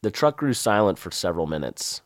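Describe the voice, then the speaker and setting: Southern man telling a lively story. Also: deep voice, a little fast, no room sound, clean studio sound. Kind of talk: first-person story narration.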